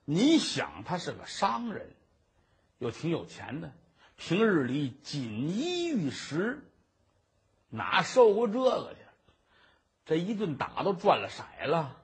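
A man's voice: a little high, wildly swooping pitch, takes it slowly, pauses often, husky. A man telling a traditional Chinese story dramatically, with vocal sound effects.

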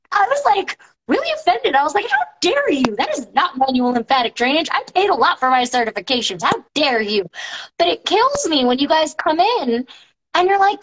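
A woman's voice: high-pitched, low-quality recording. A woman in her thirties, a post-op massage therapist, talking casually and emphatically to her followers, her voice rising when she gets indignant. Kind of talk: casual live-stream talk to followers.

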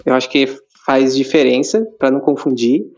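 A man with a Brazilian accent, an English teacher, calmly explaining with examples. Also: mid-range voice, normal speed, lo-fi sound. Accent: Brazilian Portuguese. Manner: calm, explanatory, gives examples. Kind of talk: casual explaining.

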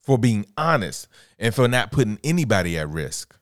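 A man co-hosting a casual sports podcast, his voice sitting low but swinging widely in pitch. He talks in an animated way and the sound is dry and close. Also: moderate pace, dry recording. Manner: animated, mimics voices when quoting others. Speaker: podcast co-host.

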